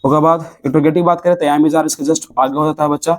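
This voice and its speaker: A man's voice: fairly high pitch, steady tone, fast. Man teaching grammar in Bihari Hindi. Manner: explains step by step, answers his own questions. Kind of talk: classroom grammar lesson.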